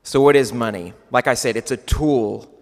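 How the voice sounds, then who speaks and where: Guy with a west texas accent giving a conference talk, deliberate and emphatic, big echoey hall with long reverb. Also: mid-range voice, a little mellow. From West Texas, United States. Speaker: conference speaker. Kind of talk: prepared conference presentation. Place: large indoor conference hall.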